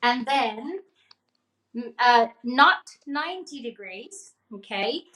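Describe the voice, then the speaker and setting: A woman's voice: a little high, animated, takes it slowly, pushed and bright. Chatty woman teaching cake decorating. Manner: chatty, checks in with "okay?", laughs often. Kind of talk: live demonstration, casual teaching. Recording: echoey room.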